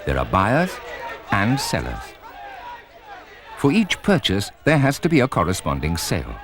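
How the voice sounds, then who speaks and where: A man reading scripted corporate documentary narration in a measured, formal way. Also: fairly low pitch, wildly swooping pitch, a crowd in the background. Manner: measured, formal presenter delivery. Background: music.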